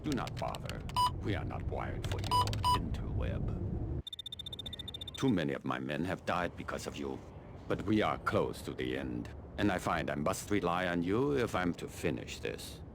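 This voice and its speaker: Video game mission briefing dialogue, with noisy ambience behind, features a male voice that is low, sing-song, gravelly, and exaggerated. He plays a cold, calculating, middle-aged Chinese army colonel and military commander, delivering lines in a measured, imperious, formal, dryly condescending way that is curt and grave.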